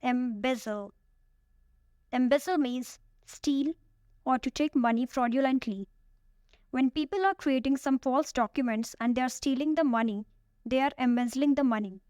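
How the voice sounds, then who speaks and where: Woman with a smooth, crisp teaching voice. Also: high-pitched, a little mellow, no echo, clean studio sound. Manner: slow, careful word-by-word pronunciation drills. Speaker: vocabulary teacher. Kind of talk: scripted vocabulary lesson.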